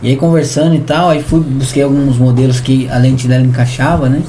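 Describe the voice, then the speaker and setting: A Brazilian man with a Brazilian Portuguese accent, a podcast guest telling a testimony in a lively way, often calling the host "irmão" and acting out dialogue. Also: medium pitch, fairly quick, slight background noise. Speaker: podcast guest, business founder. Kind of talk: animated testimony storytelling.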